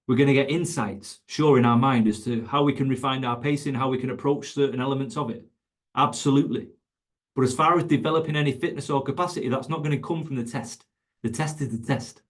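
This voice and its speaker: Male coach, mid-pitched, emphatic webinar delivery with repeated points. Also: brisk. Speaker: fitness coach educator.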